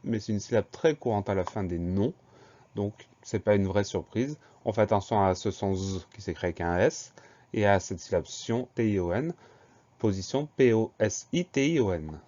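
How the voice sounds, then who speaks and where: Patient low-voiced man spelling words aloud. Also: mellow. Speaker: teacher. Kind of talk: spelling lesson for children. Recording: dull lo-fi recording.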